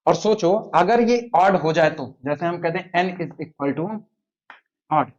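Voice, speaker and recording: A man teaching a math lecture at the board, quizzing his students and slowly counting through terms. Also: on the high side, a little mellow, lo-fi sound.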